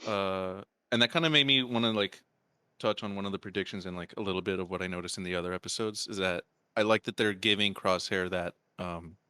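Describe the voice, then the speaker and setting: Podcast co-host, man, very deep voice with a forceful edge, dry close sound. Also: fairly even intonation, a little fast, clear, resonant tone, no echo. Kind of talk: casual chat.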